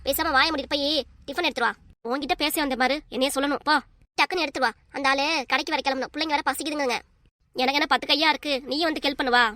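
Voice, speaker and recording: A woman voicing a sharp-tongued cartoon mother who nags and scolds her family nonstop. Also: sits high, fairly even intonation, no room sound, studio quality. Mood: scolding. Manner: nagging, rapid-fire scolding. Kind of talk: cartoon dub acting.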